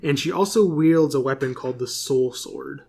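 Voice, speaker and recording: This co-host's mid-range voice is gravelly, a little mellow and breathy, delivered at a moderate pace. Chatting casually on the podcast, he works through corrections from his notes with lots of fillers.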